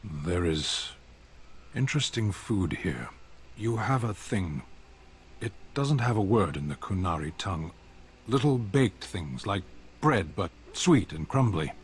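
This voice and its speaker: A man playing a stoic, blunt foreign warrior in a video game, speaking in terse, formal, deadpan phrases. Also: deep voice, a little slow, slight background noise. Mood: matter-of-fact. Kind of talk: video game character dialogue.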